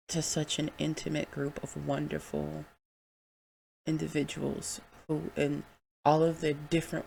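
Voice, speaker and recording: Gravelly-voiced podcaster, candid and heartfelt. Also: medium pitch, darkish tone. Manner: candid and heartfelt, with casual swearing. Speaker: podcast host. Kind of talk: reflective solo monologue.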